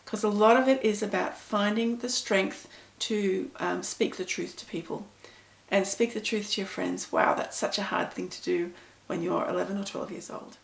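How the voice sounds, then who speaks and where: A woman's voice: medium pitch, fairly even intonation, moderate pace, gravelly, roomy sound. A middle-aged woman, chatting to camera as an author answering reader questions in a self-deprecating, storytelling way. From Pakistan. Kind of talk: casual talk to camera.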